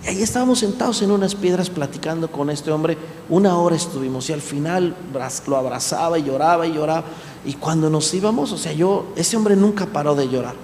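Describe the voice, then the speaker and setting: A man, a pastor preaching a sermon with emphasis, dropping to a hushed tone for stories. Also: a little fast. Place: church. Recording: echoey hall, faint rumble.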